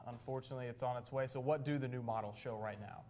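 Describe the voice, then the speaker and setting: A man anchoring a local evening newscast with steady, scripted delivery. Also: mid-range voice, fast. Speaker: news anchor.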